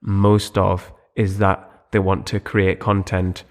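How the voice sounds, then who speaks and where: Podcast co-host: young man, low voice, easygoing and rambling. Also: slow pace. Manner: relaxed, rambling with fillers and restarts. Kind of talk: casual chat.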